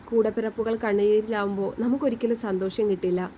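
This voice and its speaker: A woman's voice: medium pitch, steady tone, fairly quick, dark tone, highs cut off, a little hiss or hum, natural voice. A woman voicing an earnest young mother who speaks from the heart to her older sister.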